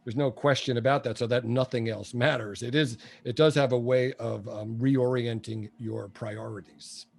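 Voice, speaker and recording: A man's voice: medium pitch, steady tone, normal speed, vocal fry, few pauses, breathy edge. A man in his sixties, a guest entrepreneur and coach, talking bluntly and telling jokey stories in a casual interview. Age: 60s. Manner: blunt, joking storyteller.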